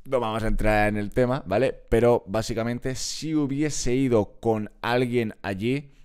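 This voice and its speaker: A man's voice: on the low side, a little mellow, clear, resonant tone. A man, casually reacting to a hiking video as a streamer, chatty and digressive with many fillers and restarts.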